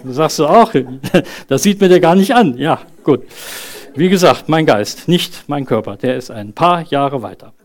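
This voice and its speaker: A man's voice: fairly high pitch, animated, a little slow. A man in his thirties preaching a sermon in an earnest, conversational way, asking the congregation questions and leading a prayer. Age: 30s. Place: church service.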